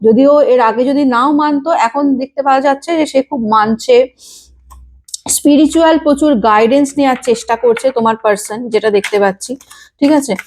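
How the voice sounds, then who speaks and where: Hoarse woman doing a tarot reading. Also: high voice, a little mellow. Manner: halting, frequent throat clearing and fillers. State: hoarse, sore throat. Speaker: tarot reader.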